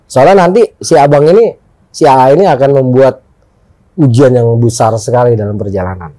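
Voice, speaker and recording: A guest storyteller recounts a tale in casual conversation, animatedly acting out his friends' lines as he goes. His voice is mid-range and his pace moderate, with no room sound.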